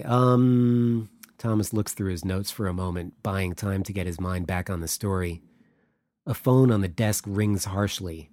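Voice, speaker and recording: Low, mellow male audiobook narrator. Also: dry recording, clean studio sound. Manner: even, measured storytelling. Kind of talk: scripted narration.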